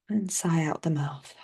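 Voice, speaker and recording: A woman with a lowish voice guides a body scan meditation as a teacher. She speaks softly and soothingly, leaving long, unhurried pauses.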